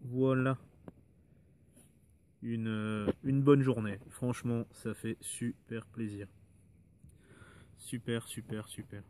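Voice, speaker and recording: A man walking through his metal detecting finds in a relaxed, hesitant way, with many fillers and asides. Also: medium pitch, slow pace, pauses often, a little hiss or hum. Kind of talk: casual show-and-tell of finds.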